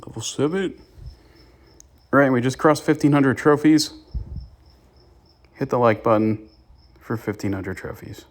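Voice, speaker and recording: A young male gaming YouTuber hosts his channel with casual gameplay commentary, chatting and handing out tips to viewers. His voice is medium-pitched and measured, broken up by long pauses.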